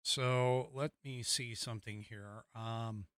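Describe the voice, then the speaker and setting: An American man hosting a casual political commentary show, talking haltingly as he thinks aloud and reads out news. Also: medium pitch, steady tone, a bit bright, no echo, studio quality.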